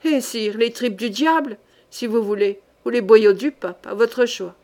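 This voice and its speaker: A rough, brawny rogue disguised as a monk barks short, blustering lines in a storybook reading, a woman reading him. The voice stays fairly high. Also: unhurried, a little mellow.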